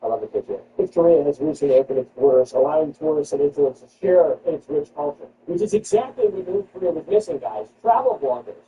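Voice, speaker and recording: A man hosting a comedy show, riffing sarcastically on news items and jumping into high mock-outraged squeals. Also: lively intonation, fast, few pauses, lo-fi sound. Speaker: comedy podcast host. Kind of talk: comedic news riff with retakes. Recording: distant mic with background noise.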